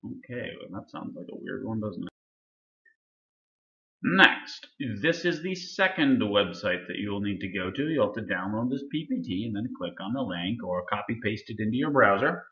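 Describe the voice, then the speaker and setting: A man's voice: on the low side, animated, normal speed, reverberant, lo-fi sound. A male instructor casually talking students through a lab assignment, with many fillers. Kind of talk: recorded lab walkthrough lecture.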